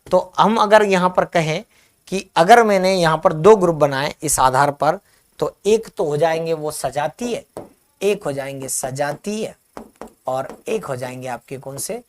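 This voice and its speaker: A male teacher runs a live online grammar class. He answers viewers' comments in a reassuring tone and dictates definitions slowly, repeating each phrase. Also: fairly high pitch, slight background noise.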